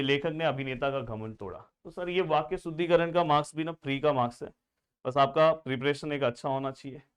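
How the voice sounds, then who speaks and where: A man tutoring students in grammar with a smooth, resonant voice that sits a bit high for a man. He talks in a friendly, chatty way, calls the class friends, and voices students' questions before he answers them himself. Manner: answers his own imagined student questions. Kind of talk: exam-prep lesson.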